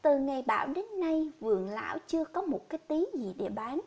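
Woman reading as a sorrowful old villager, pleading, high-voiced. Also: lively intonation, a little fast, a little mellow. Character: poor grieving old man villager.

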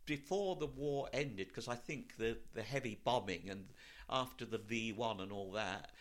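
An older actor, raised in Wales before moving to London, shares personal anecdotes as an interview guest in a chatty exchange. His Received Pronunciation voice sits fairly low and keeps a moderate pace.

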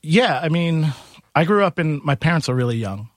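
This is studio-quality audio with no room sound of a man whose voice is a bit high, expressive and at normal speed. He's a Queens, New York bar and music venue owner, relaxed and conversational as an interview guest, slipping quoted lines into his stories.

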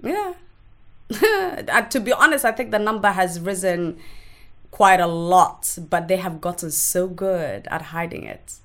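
A woman's voice: on the low side, animated, a bit bright. A woman from Somalia, a podcast guest, talking frankly and earnestly in a candid interview. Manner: frank and earnest, speaks in quick bursts with blunt asides.

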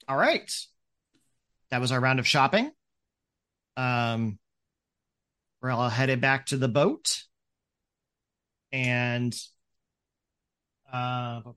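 Running a tabletop session, this game master rambles through his narration with plenty of "like" and "um." He speaks at a medium pitch with a slightly bright quality.

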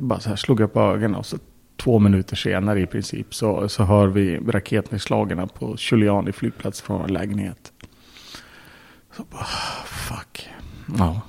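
A man's voice: lowish voice, dark tone. A man, a podcast guest, telling a story in casual speech, bluntly, with swearing and acted-out quotes. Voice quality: gravelly, husky.

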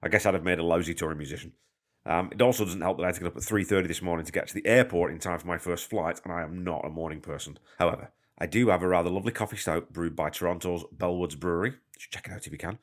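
Talking very fast in a low voice, a Canadian podcast host delivers a casual monologue over a portable mic in his hotel room. Slightly stuffed up from a cold, he explains things patiently, with chatty self-deprecation.

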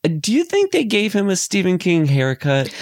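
A man's voice: high-pitched, wildly swooping pitch, moderate pace, no room sound, studio quality. A man co-hosting a podcast, chatting casually and jokily about a film, rambling and trailing off into fillers. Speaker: podcast co-host.

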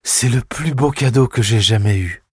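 A man voicing an eager, quick-tempered young girl in a storybook reading, switching to a bright, excitable voice. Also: breathy edge, no echo, studio quality. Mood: pleading. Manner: bright, excitable, shrill when angry.

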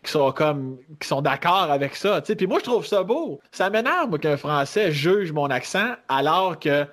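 A man's voice: fairly high pitch, lively intonation, a bit bright. A man with a Québécois accent, a guest comedian chatting bluntly on a podcast, swearing freely. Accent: Québécois French. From Quebec. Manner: blunt, swears freely, talks in quick restarts. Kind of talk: casual podcast chat.

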